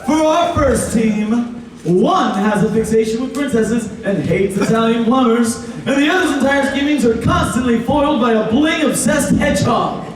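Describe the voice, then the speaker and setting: A man's voice: very high-pitched, moderate pace. A man playing a flamboyant, sardonic villain who hosts a live game show as a theatrical, taunting showman. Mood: showy. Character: flamboyant, sardonic male villain host Pegasus. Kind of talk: live stage show announcing. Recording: echoey hall from far off, background noise.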